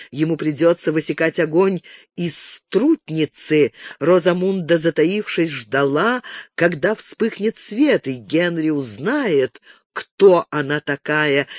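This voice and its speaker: High-voiced male audiobook narrator. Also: no echo, clean studio sound. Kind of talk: scripted narration.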